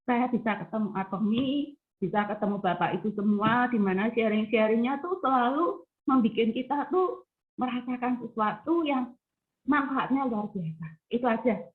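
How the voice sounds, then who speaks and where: A woman's voice: fairly high pitch, normal speed. A woman telling a personal story on a video call, acting out the dialogue. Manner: chatty storytelling, acts out quoted dialogue. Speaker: member sharing a testimony. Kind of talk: casual testimony on a video call. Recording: phone-like video call audio.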